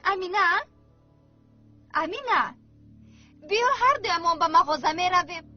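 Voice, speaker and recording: A woman's voice: very high-pitched, expressive. An actress dubbing a stern, bossy woman who orders children about and pushes a plan. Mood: coaxing. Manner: bossy, commanding. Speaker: stern stepmother figure. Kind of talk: dubbed TV drama. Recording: lo-fi with music underneath.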